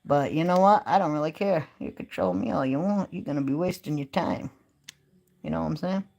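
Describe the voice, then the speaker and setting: A woman's voice: low-pitched, expressive, fairly quick, vocal fry, darkish tone. A woman chatting casually on a live stream and talking straight to her viewers in a folksy, easygoing way. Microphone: phone.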